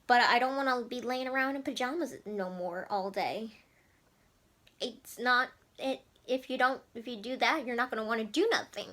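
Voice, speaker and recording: A woman's voice: a little high, normal speed, fairly bright tone. A woman in her twenties chatting casually to camera as a vlogger, rambling with many fillers and restarts. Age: 20s.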